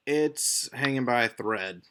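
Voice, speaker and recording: Slow, bright-voiced man running a tabletop game. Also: mid-range voice, clean tone. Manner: unhurried, descriptive narration with fillers. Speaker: game master.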